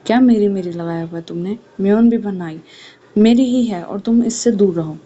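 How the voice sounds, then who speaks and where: A woman's voice: mid-range voice, dark tone, close to an everyday voice. A woman voicing a cold, domineering young mafia man who speaks bluntly and with threats, on a dull lo-fi recording with faint hiss. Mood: menacing.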